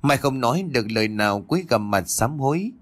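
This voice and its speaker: A man's voice: medium pitch, expressive, a little fast. A man narrating a horror story in a grave, dramatic storytelling manner.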